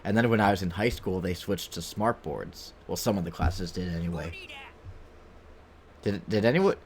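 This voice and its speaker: Streaming a game to viewers, a low-pitched man in his late twenties chats casually, rambling through anecdotes and acting out the remarks he quotes. He talks at normal speed over background noise, with music behind his voice.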